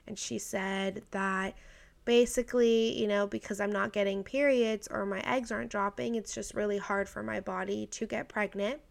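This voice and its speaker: A woman's voice: medium pitch, fairly even intonation, moderate pace, gravelly. A woman in her twenties chatting through a personal story, filling her talk with "like" and quoted dialogue, emotional and laughing now and then. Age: 20s. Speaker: vlogger.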